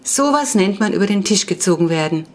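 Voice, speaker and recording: Woman doing a grumbly soft-hearted dad in an audiobook, lowish voice. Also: normal speed, lightly acted. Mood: grumbling. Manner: dry, grumbling. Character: thoughtful, warm-hearted middle-aged father. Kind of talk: audiobook reading.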